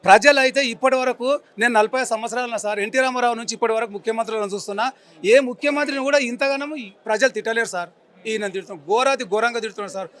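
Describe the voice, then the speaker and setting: Fast-ranting man with a Telangana accent. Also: very high voice, a bit bright. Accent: Telangana Telugu. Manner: angry, emphatic ranting with repeated insults. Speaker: member of the public interviewed. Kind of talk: street interview.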